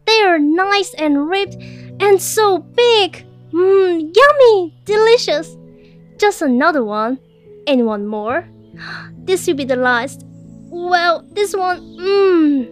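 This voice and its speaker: A woman voicing an excitable little girl in a children's storybook, with breathless, gasping delight. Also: very high-pitched, slow, soft background music, pitched above the performer's own voice, heavily acted.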